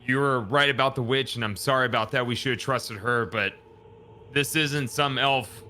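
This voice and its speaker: A man's voice: mid-range voice, normal speed, sharp tone, slight background noise. A man playing a tabletop role-playing game, chatting casually and partly in character.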